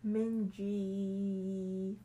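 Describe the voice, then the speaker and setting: A woman's voice: mid-range voice, little pitch movement, extremely slow, dark tone, highs cut off. A young woman co-hosting a casual chat podcast, laid-back and teasing, laughing often. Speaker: podcast co-host.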